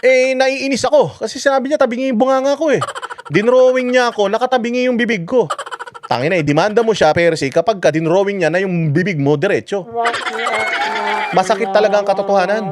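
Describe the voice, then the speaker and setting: A man's voice: sits high, brisk, background noise. A Filipino man doing a political vlog, ranting in a mocking, crude way and laughing at his own jokes. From Philippines. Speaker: political vlogger. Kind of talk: casual ranting commentary.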